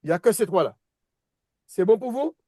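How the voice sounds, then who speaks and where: This male Hebrew teacher gives a casual online lesson in a fairly high voice, sounding hesitant with lots of restarts and repeated words. He is also animated and brisk, with a dark tone, and patiently checks understanding with "d'accord?". The sound is dry and close, with no echo.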